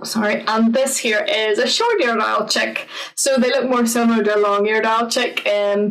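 A woman's voice: a little high, a bit bright, distant mic, rough recording. Chatty woman presenting. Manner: chatty, filler-heavy, friendly explaining. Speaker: conservation officer giving an online talk. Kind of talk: informal online presentation.

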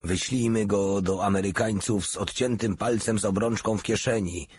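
A man's voice: on the low side, steady tone, moderate pace, darkish tone, slight background noise, close to an everyday voice. A man reading the part of a crude soldier scorning a former tormentor. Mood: scornful.

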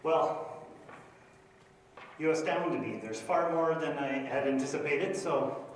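Holding a handheld mic before a projector screen in a reverberant church sanctuary, a middle-aged Canadian minister gives a church presentation of his graduate project, including scripture reading. His male voice is a little high and slow, hesitant with many fillers. The far-camera recording carries echo plus a little hiss or hum.

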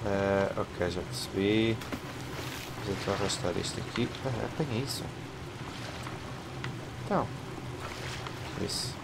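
Male let's-player, European Portuguese accent, jumpy and chatty, game sounds clearly audible under the voice. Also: fairly low pitch, unhurried, long pauses. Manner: excitable, yelps and swears at jump scares, mutters to himself. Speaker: gamer playing a horror game. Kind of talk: let's play commentary. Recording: clear game noise behind voice.

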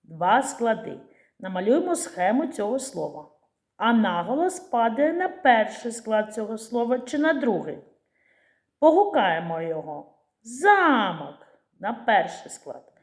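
A middle-aged woman teaching young children, sounding out words slowly syllable by syllable and calling out the stressed ones. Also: on the high side, very animated, darkish tone, reverberant. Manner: slow, clear syllable-by-syllable teaching with stretched emphasized words. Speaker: primary school teacher. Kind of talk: recorded lesson for young children.

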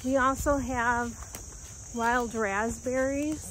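Woman vlogging a woods walk, slow and easygoing, faint bugs and outdoor hiss. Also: fairly high pitch, rough recording. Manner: calm, unhurried, pausing often. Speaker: homestead vlogger. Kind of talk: narrated nature walk. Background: faint insects and outdoor ambience.

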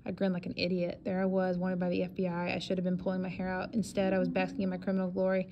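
A woman's voice: lowish voice, completely flat delivery, fast, muffled recording, slight background noise. A woman reading a first-person memoir aloud in a plain, matter-of-fact way. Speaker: audiobook reader.

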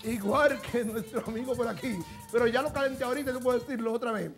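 A man's voice: very high voice, steady tone, quick pace, music in the background. A man doing a campy gossip diva. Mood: gossipy. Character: flamboyant gossipy woman TV presenter. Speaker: comic TV gossip presenter. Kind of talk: sketch comedy gossip segment.

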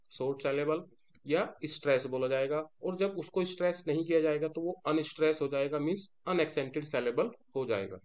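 A man's voice: a little high, darkish tone. A man with an Indian accent teaching a lecture, mixing in English terms and answering his own questions. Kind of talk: classroom-style lecture.

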